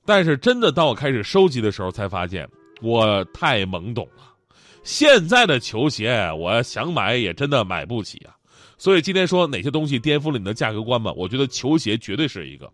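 A man's voice: mid-range voice, brisk, dry recording, faint music behind. A man, hosting and telling funny stories lots of laughter. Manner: animated, joking, laughing often. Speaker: host. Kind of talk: comedic storytelling.

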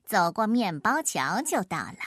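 A woman's voice: medium pitch, big pitch swings, measured pace, fairly bright tone, no room sound, clean studio sound, pitched below the performer's own voice. A woman doing an offhand, greedy crow. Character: greedy crow resting on a rock.

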